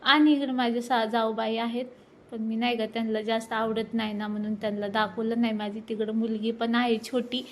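A chatty, excited woman in her thirties with a fairly high voice talks straight to her viewers while she films a family ceremony at home. She is recording on a handheld phone. A faint noise runs under her voice. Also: a little fast. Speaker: vlogger. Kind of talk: casual vlog narration. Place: at home during a family ceremony, indoors and outdoors.

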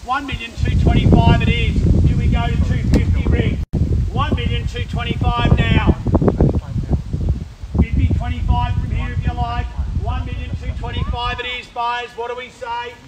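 A man's voice: very high-pitched, monotone, normal speed, muffled recording. A middle-aged man working as an auctioneer outdoors, calling out bids, repeating the figure and pressing the buyers to bid. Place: outdoors on a suburban street lawn with a crowd. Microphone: far camera, no mic. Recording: distant voice, loud outdoor noise.

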